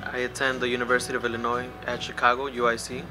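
Flat-voiced young man, earnest testimonial. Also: mid-range voice, very fast, over music. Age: young adult. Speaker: scholarship student. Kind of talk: to-camera testimonial. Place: indoors in front of a logo wall.

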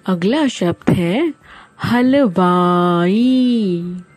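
Slow, patient woman dictating to children. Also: medium pitch, expressive, darkish tone, soft background music. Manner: patient, repeats words and spells them out sound by sound. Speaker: teacher.

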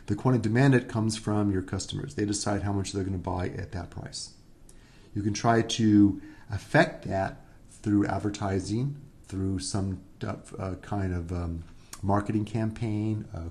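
Man, economics instructor, low voice, mellow tone, step-by-step explaining. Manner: explains step by step, often asks "right?". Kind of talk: recorded lecture.

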